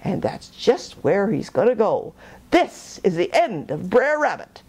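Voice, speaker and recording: A woman's voice: medium pitch, sing-song, measured pace, a little mellow, husky. A woman voicing a scheming male fox villain in a storybook tale, gloating over threats.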